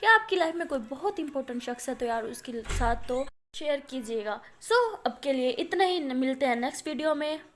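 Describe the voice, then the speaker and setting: A woman's voice: high-pitched, lively intonation, fairly quick, few pauses, fairly bright tone, a little hiss or hum. A woman narrating a love story in a chatty, casual storytelling style, full of filler words.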